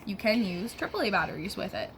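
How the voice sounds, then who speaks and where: Fast and sing-song, her medium-pitched voice has a bit of brightness, with a little hiss or hum in the audio. The woman, a product reviewer, gives a chatty, informal hands-on demo while correcting herself.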